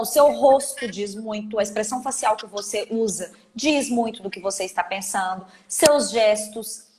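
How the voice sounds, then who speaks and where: A woman with a Brazilian Portuguese accent, leading a live online training on communication, talking in an animated and emphatic way with everyday examples. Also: on the high side, reverberant.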